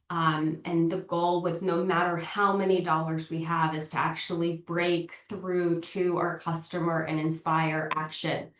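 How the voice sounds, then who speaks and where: Woman, marketing professor, nasal from a cold, lowish voice, chatty online lecture, roomy echo, far from mic. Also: fairly bright tone. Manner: informal and chatty. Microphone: video call. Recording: echoey, distant from the mic.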